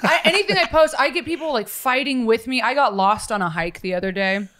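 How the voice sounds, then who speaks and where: A woman's voice: a little high, fairly quick, fairly bright tone. A woman in her late twenties, a comedian guest, chatting bluntly and sardonically with plenty of swearing, recorded on a studio mic. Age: 20s. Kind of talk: casual chat. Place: home podcast studio. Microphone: studio mic with headphones.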